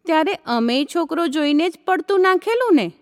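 A woman reading aloud in the voice of a nagging middle-aged mother in a story, sharp and scolding. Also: very high voice, expressive, brisk, long reverb tail. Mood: pleased.

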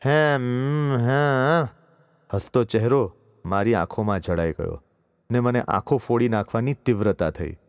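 A man narrating a story in a slow, measured reading voice. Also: fairly low pitch, a little mellow. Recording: dry voice with long reverb tail.

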